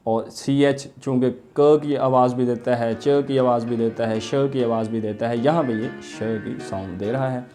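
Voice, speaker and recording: A man gives a pronunciation lesson in a mix of Urdu and English. His voice is dark and mellow, and his pitch sits in the middle. He slows right down to spell out each model word. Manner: slow, drawn-out model pronunciations of words. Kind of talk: lecture mixing Urdu and English.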